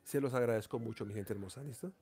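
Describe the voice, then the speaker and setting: A man chats through a live stream. He speaks to his audience with warm, repetitive coaxing and a mid-range voice. He sounds like he is sitting indoors. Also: medium pitch, fast talker, breathy edge. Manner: affectionate, repetitive, coaxing viewers to like. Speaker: livestream host. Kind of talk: casual live-stream chat with viewers. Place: seated indoors.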